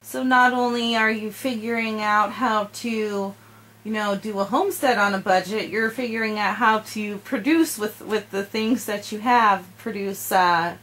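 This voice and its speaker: In a home library lined with bookshelves and warmed by a fireplace, a young female student questions a channel host, repeating his answers back and following up supportively. She speaks at a moderate pace in a mid-range, fairly bright voice with fairly even intonation.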